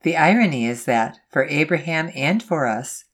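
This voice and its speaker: A woman reading a scripted Bible devotional in a measured, solemn way, citing scripture references aloud. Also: deep voice, animated. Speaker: devotional reader.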